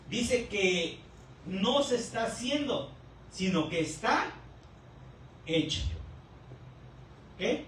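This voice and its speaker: A male pastor preaching a teaching sermon, who keeps checking in with the congregation and repeats key words slowly. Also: sits high. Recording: echoey room, distant mic, faint noise.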